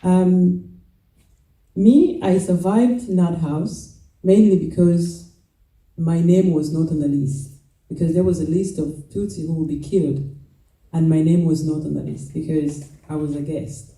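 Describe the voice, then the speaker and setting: A woman of about forty with a Rwandan accent gives a halting, reflective personal testimony, with many pauses and restarts. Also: low voice, steady tone, warm tone. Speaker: genocide survivor giving a testimony. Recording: roomy echo, mic at a distance.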